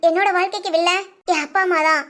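A woman voicing a young woman hurt by her parents, who talks fast, earnestly and with strong feeling. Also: extremely high pitch, fairly even intonation, fairly bright tone. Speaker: storyteller. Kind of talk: acted short story.

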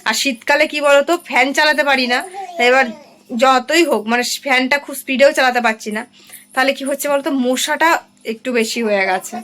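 A woman in her thirties with a Bengali accent, chatting casually in a home vlog about her evening. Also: high voice. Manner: chatty, drawn-out, softly spoken at times. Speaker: vlogger. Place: home at night.

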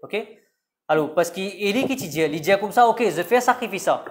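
A man's voice: sits high, animated, moderate pace. A male pastor, preaching a sermon and often calling out praise to God and amen. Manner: preaching with repeated calls of "Gloire à Dieu" and "Amen".

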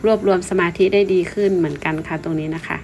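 A woman's voice: sits low, fairly even intonation, fast talker, gravelly, darkish tone. Thai woman vlogging politely over music. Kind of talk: informal explanatory vlog narration.

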